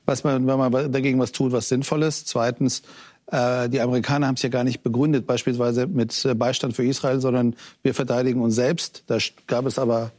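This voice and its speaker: A man's voice: mid-range voice, flat delivery, a little fast, darkish tone, dry recording, clean studio sound. A man from Iran, a political guest on a talk show, laying out points hesitantly with many fillers.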